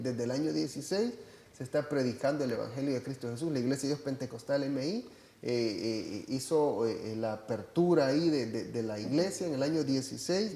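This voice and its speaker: In an echoey room, a gravelly, dark-toned male voice of mid-range pitch tells about a church trip. The speaker is a Salvadoran church member chatting casually, and he keeps hesitating, filling pauses and starting over.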